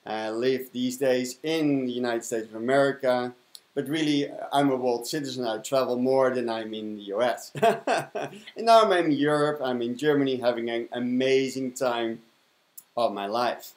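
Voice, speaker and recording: A man in his fifties from the Netherlands, a spiritual mentor and broadcast host, gives an effusive spiritual talk to camera in a Dutch accent, repeating affirming words. His voice is medium-pitched at normal speed. The roomy indoor recording echoes.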